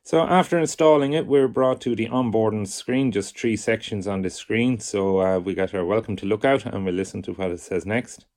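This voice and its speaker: A man with a very low voice and a gravelly fry walks through software step by step. His delivery is measured and methodical, as a tutorial presenter.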